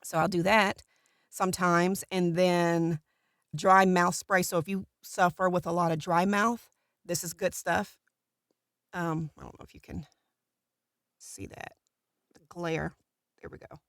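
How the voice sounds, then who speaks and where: Middle aged lady w natural vocal fry, kinda low voice, just chatting thru her routine. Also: fairly even intonation, a little slow, pauses often, a bit bright, dry recording, clean studio sound. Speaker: voiceover artist. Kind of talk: casual chat to camera, explaining a routine. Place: small recording booth.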